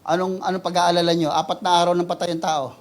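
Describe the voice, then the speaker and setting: A pastor with a Filipino accent, preaching to a church congregation. He swings between hushed pleading and loud, shouted exclamations, and jokes playfully with the people. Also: sits high, little pitch movement, quick pace. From Philippines. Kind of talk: energetic preaching sermon.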